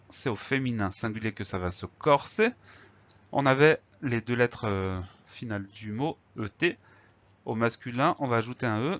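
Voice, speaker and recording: A male teacher giving a spelling lesson, calmly explaining each word and spelling it out letter by letter. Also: on the low side. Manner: patient, spells words letter by letter. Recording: slightly dull lo-fi recording.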